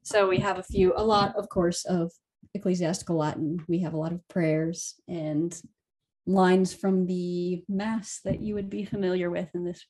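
Mellow-voiced woman hosting a Latin talk. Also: on the low side, steady tone, moderate pace. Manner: asks questions, recites Latin. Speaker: podcast host and Latin teacher. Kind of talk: casual discussion.

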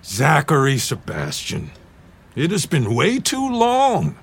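A man's voice: a little high, huge pitch swings, slow pace, vocal fry, breathy edge, full character voice. An actor playing an older father who teases his grown son fondly, in an audio drama. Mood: teasing.

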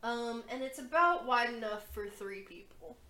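A woman running a tabletop game online as game master, narrating in an unhurried, hesitant way with fillers. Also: fairly high pitch, bright, forceful tone, echoey room. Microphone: online call.

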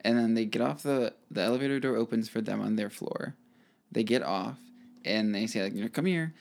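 A man's voice: fairly low pitch, level tone, brisk, creaky, darkish tone. A young man co-hosting a casual podcast chat, telling stories in a dry, laid-back way. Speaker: podcast co-host.

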